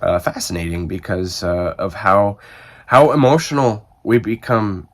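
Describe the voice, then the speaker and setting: Hoarse, stuffy low-voiced man. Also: fairly even intonation, measured pace. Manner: rambling, thinking aloud with many restarts. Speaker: book video host. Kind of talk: casual chat to camera.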